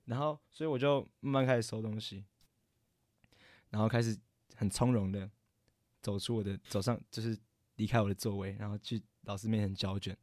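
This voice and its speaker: A man's voice: lowish voice, steady tone, fairly quick, pauses often, darkish tone, no room sound, clean studio sound. A young man, a podcast co-host telling a story in casual chat, rambling and often correcting himself. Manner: rambling, stammering, frequent self-corrections.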